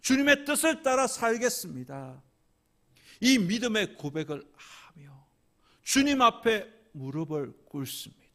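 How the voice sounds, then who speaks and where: A man preaching a Sunday sermon as senior pastor in a church, swinging from hushed whispers to loud, emphatic climaxes with rhythmic repetition. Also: sits high, very animated, unhurried. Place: church sanctuary.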